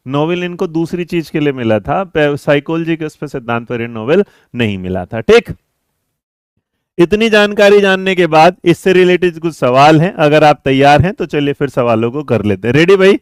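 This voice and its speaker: Male exam-prep tutor, live online class; coaxing, quick to quiz students, slightly high pitch, smooth and resonant. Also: expressive, no room sound, studio quality. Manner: brisk, coaxing, calls students 'beta' and 'mere bachche'; reads and answers chat messages mid-lesson.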